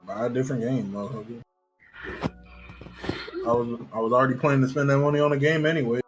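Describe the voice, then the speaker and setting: A man co-hosting a casual gaming podcast, trading animated slangy jokes with plenty of swearing. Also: medium pitch, fast, music in the background. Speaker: podcast co-host.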